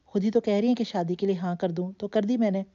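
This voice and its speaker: A woman's voice: medium pitch, dark tone, highs cut off, natural voice. A woman reading the lines of a young man who teases and soothes the aunt he loves like a mother. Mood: playful. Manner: light, playful, soothing. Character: young man, affectionate, teasing nephew.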